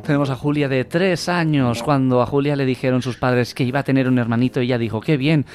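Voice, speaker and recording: A man's voice: medium pitch, steady tone, fast, darkish tone, clean tone. Joking male radio host, music under. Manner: wry, joking asides. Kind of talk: reading jokes and odd news on radio. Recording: radio show with music behind.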